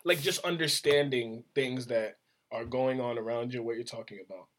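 A young man co-hosts a podcast, chatting casually as he lays out his points and rambles through hypothetical examples. His voice is medium-pitched and at a normal speed, with slight background noise.

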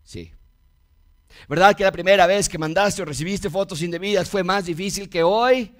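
A man preaching a passionate sermon in a church, swinging between loud appeals and hushed warnings. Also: high-pitched, moderate pace. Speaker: pastor.

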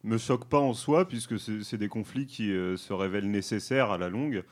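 A man in a casual discussion, answering in a halting, thoughtful way. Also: lowish voice.

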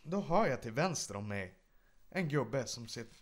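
A man chats on a podcast. He tells stories with energy and acts out the shouting in them. His voice sits at a middle pitch. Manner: animated anecdotes, acts out shouting. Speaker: podcast co-host. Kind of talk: casual chat, storytelling.

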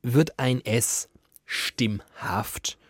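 Husky man telling lively anecdotes. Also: mid-range voice, extremely slow, no echo, studio quality. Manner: animated storytelling, many fillers. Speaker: podcast co-host. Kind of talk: casual chat.

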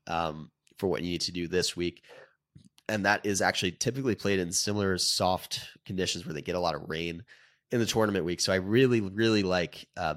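A man's voice: deep voice, a bit bright, dry recording, studio quality. A man who is sick, hosting a golf betting show in a loose, casual monologue full of ums. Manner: loose, filler-heavy talk with frequent ums. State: sick, under the weather. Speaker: golf betting podcast host.

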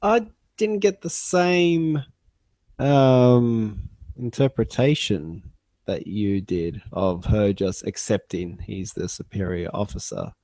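A man with a fairly low voice chats on a review podcast in a measured, thoughtful way with dry humor. The sound is close and dry. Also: warm tone, no room sound. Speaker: podcast co-host. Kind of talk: casual review chat.

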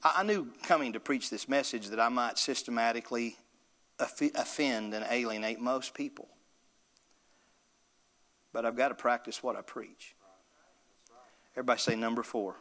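A man's voice: medium pitch, steady tone, normal speed, long pauses, a bit bright, in a large hall. A male pastor delivering an emphatic sermon with call-and-response to the congregation.

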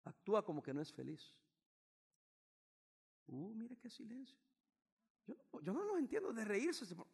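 An older man, a pastor, preaching a sermon that swings from loud exclamations down to quiet low passages. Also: huge pitch swings, a little slow, creaky, pauses often, husky. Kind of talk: bilingual sermon.

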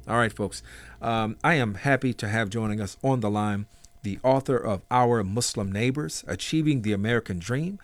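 A man hosting a radio interview with a clear announcer delivery. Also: fairly low pitch, normal speed, no echo. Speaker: radio host.

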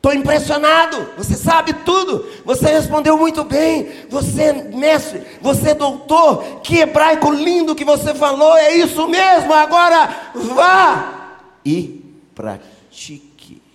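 A preacher voicing Jesus, exuberant. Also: male voice, very high voice, slow, pauses often, voice pushed up, full character voice. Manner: animated, playfully ironic, exclaiming. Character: Jesus, gentle then exuberantly teasing teacher. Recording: echoey church hall.

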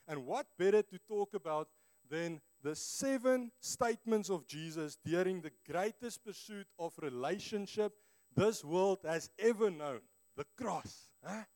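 A man's voice: high-pitched, expressive, a little slow, darkish tone. A man with a broad South African Afrikaans accent preaches informally to a church congregation in an earnest, conversational way, as a native Afrikaans speaker.

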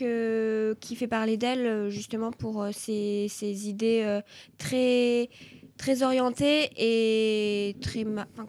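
A young woman presenting a segment in a casual show, halting as she searches for words. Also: on the high side, darkish tone. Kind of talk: casual chat.

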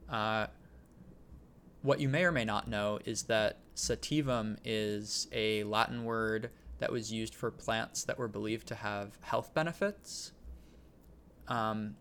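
A man with a low, gravelly voice hosts a casual podcast. He explains in a relaxed way, dotted with ums. A faint hiss sits under the recording. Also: takes it slowly. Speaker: podcast host. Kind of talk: casual chat.

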